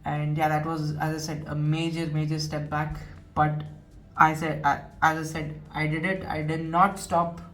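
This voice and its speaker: This nineteen-year-old Indian English vlogger sounds fairly high, a bit bright, and monotone, speaking at a moderate pace. He earnestly recounts his experience, repeating himself, while a distant mic captures him against background music.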